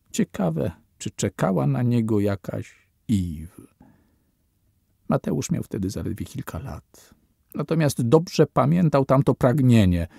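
A man narrating an audiobook in a slow, measured reading. His voice is low, dark and gravelly, with a husky edge. The sound is close and dry. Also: dry recording. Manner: slow, measured reading with falling, quiet endings. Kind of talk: scripted narration.

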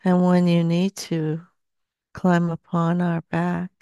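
A woman in her sixties trance channeling as a seance medium, speaking solemnly and slowly with long pauses. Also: fairly low pitch, completely flat delivery, mellow, no echo. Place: small dim indoor room. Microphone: headset.

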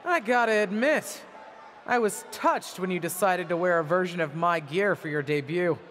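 An actress playing a bitter, proud middle-aged wrestling legend in a video game, delivering a taunting, theatrical wrestling promo. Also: female voice, fairly low pitch, normal speed, a bit bright, natural voice. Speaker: returning wrestler, former champion and manager. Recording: arena ambience noise behind voice.

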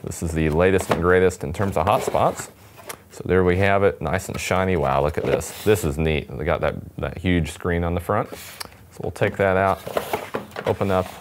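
Background music plays as a man in his twenties gives a relaxed, upbeat product demonstration for a radio company, addressing the camera from an indoor studio table. His voice is low and his pace normal, with a little hiss or hum.

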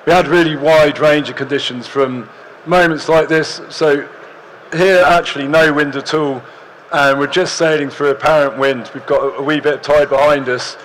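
A young man, slightly hoarse, giving an easygoing stage talk with dry humour in a large hall. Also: fairly high pitch, fairly even intonation, normal speed, a bit bright, a little hiss or hum. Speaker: presenter.

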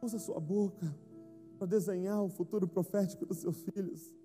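A man's voice: high-pitched, fairly even intonation, moderate pace, dark tone. A young man from Brazil preaching a sermon at a conference, telling stories and building to emphatic declarations. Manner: storytelling, acts out his father and himself, rising to emphatic declarations. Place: large conference hall. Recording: hall reverb with faint music.

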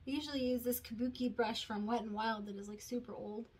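A woman's voice: on the high side, steady tone, fast talker, darkish tone, husky. A woman chatting casually through a makeup tutorial, rambling and poking fun at herself as she goes. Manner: rambling, self-deprecating, talks to herself. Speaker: beauty vlogger.

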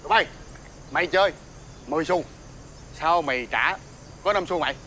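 A bullying cockfight boss in a TV fairy-tale drama, speaking. He barks threats and orders in a tense, bright, sharp-edged voice pitched high for a man. A faint hiss sits underneath. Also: normal speed. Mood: threatening. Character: bullying male cockfight ring boss, menacing.

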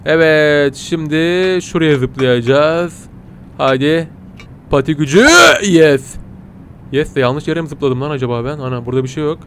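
A man giving playful, excitable let's-play commentary, chatting to his viewers and yelping at every surprise. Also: on the high side, moderate pace, a little hiss or hum. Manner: excitable, yelps and squeals at surprises, talks to viewers as "kitties". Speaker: gaming channel host.

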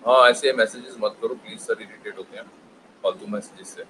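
A man's voice: lowish voice, steady tone, fairly quick, bright, forceful tone, a little hiss or hum, poor audio. A man teaching an online class, switching between Hindi and English and explaining with everyday relationship examples. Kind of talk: online lecture.

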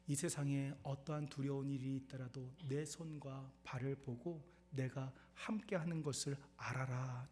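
A male pastor preaching a sermon in church, animated, firing off rhetorical questions and swinging between soft and loud. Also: medium pitch, slight background noise. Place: church sanctuary.

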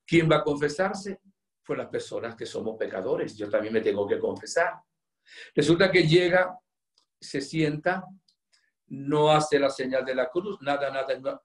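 Earnest male priest preaching in a roomy echo. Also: medium pitch. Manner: earnest storyteller, swings between loud and hushed. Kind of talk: storytelling sermon.

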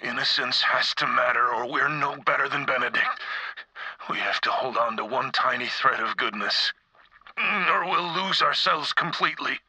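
A man's voice: medium pitch, moderate pace, sharp tone, husky, no room sound, rough recording. A man voicing a sane, kind-hearted but weary character in a video game, earnest and conversational. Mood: anguished.

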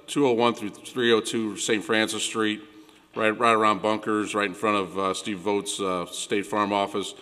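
A middle-aged man speaks as mayor at a council meeting, running through upcoming events with a steady, filler-laden delivery. His voice is low, with a bright edge. The council chamber gives it a long reverb. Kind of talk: meeting announcements. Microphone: desk gooseneck mic.

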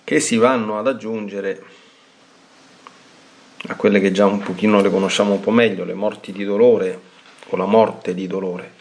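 A priest giving a devotional reading and sermon commentary, measured and slow with pauses. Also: male voice, fairly low pitch, steady tone.

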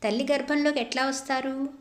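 A woman voicing a small, curious and innocent girl who keeps asking questions in a high, sing-song voice, in a storybook reading with an echoey room sound. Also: fairly even intonation, a little fast, close to an everyday voice. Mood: innocent questioning.

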